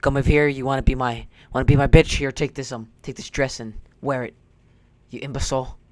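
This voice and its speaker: A man's voice: mid-range voice, steady tone, brisk, dry recording, natural voice. A teenage boy voicing a threatening male prison inmate, taunting in a mocking way.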